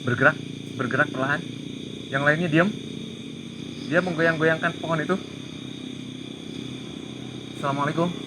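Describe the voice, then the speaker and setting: A man hosting a paranormal investigation, giving hushed, tense live commentary outdoors at night among trees, muttering prayers and pleading. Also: on the high side, moderate pace, pauses often, noisy background. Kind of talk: live ghost-hunting commentary.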